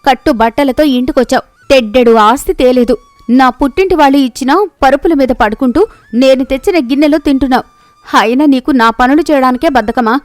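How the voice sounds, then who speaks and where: Woman voicing a shrill, haughty shrew of a wife. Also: a little fast, no echo, close to an everyday voice. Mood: scolding. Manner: shrill, scolding, taunting. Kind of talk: animated storybook voice acting.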